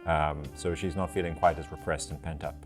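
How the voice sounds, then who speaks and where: A man's voice: extremely low pitch, little pitch movement, fairly quick, over music. A South African man acting as game master, recapping the last session in a loose, chatty way full of ums and uhs.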